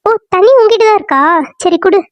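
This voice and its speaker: Bubbly young Shalu. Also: female voice, very high-pitched, quick pace, muffled recording, slight background noise. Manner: chatty, bubbly. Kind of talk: cartoon serial voice acting.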